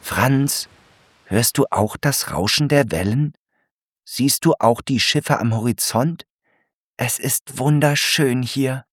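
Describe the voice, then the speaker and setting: A man's voice: medium pitch, slow, husky, no echo, voice pushed up. Man doing Alberta, a fussy little snail. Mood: awed. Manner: fussy, questioning, easily amazed. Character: small curious proud female garden snail. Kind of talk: storybook character voice.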